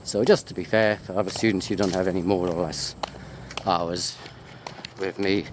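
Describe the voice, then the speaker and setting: His voice sits low, with fairly even intonation and normal speed. This British university lecturer rambles through an unscripted video chat while strolling in botanical gardens, easily distracted and joking throughout. Sound comes via a handheld wide-angle sports camera, with ambient outdoor noise of the walk.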